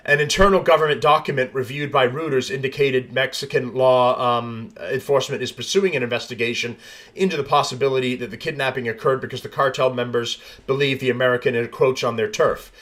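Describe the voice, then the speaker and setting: A podcast host reads news stories aloud and adds blunt, profane commentary, often restarting and wandering into rambling asides. His voice is medium-pitched, brisk, a bit bright, with fairly even intonation.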